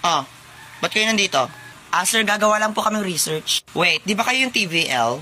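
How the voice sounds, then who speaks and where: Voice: mid-range voice, expressive, moderate pace, bright, forceful tone, slight background noise. A performer doing a sneering snobbish teacher. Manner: sneering, scolding. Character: arrogant male teacher, germ-obsessed snob. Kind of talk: comic skit voices.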